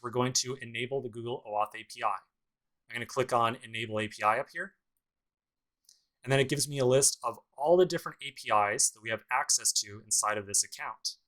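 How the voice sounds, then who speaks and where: A man with a medium-pitched, fairly bright voice teaches a programming course in a casual screencast tutorial, captured in a rough recording. He talks through each step and throws in dry, sarcastic asides.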